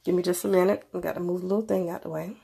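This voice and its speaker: A woman's voice: on the low side, steady tone, rapid-fire, creaky, warm tone, husky. A woman with a stuffy nose from a cold, presenting a casual tech review in an informal, conversational way. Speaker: video presenter.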